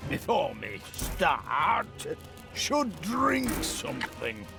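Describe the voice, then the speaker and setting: A man voicing a big, dim-witted, friendly and hungry ogre for a fantasy game, in slow broken caveman speech with a gravelly voice. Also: fairly high pitch, wildly swooping pitch, music in the background, exaggerated voice. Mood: dopey, friendly. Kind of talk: fantasy game character acting.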